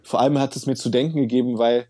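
A man's voice: mid-range voice, fairly even intonation, fast talker, dark tone, dry recording, clean studio sound. A man, a work researcher and author, answering interview questions in a thoughtful, explanatory way with occasional fillers.

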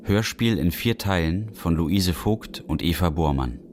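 A man reading the formal announcements for a radio play in a measured way. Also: sits low, expressive, a little mellow, slight background noise. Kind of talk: scripted radio play narration.

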